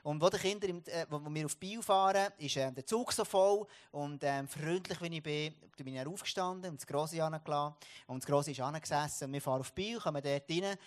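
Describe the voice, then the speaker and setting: Storytelling Swiss preacher, fairly high voice. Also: male voice, brisk. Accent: Swiss German. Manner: storytelling, repeats and restarts words. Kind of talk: sermon.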